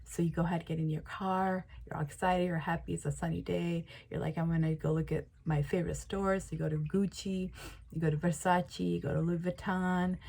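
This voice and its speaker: A woman's voice: lowish voice, little pitch movement, a little fast, creaky, a little mellow, husky. A woman life coach leading a guided imagination exercise in a casual, repetitive way with lots of fillers. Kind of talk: guided visualization.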